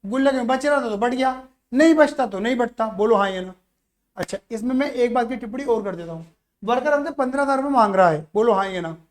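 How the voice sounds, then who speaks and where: A man's voice: extremely high pitch, quick pace. A man teaching an accounting lesson, who keeps checking whether students follow and acts out little stories to explain. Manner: keeps asking students "yes or no" to check understanding. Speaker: commerce teacher. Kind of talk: classroom-style accounting lesson.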